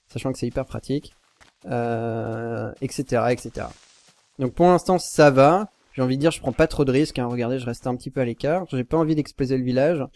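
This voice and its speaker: A man's voice: medium pitch, a little mellow, dry recording. Chatty man narrating his gameplay. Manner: chatty, rambling, with sudden panicked yelps. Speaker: Minecraft YouTuber. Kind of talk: casual gameplay commentary.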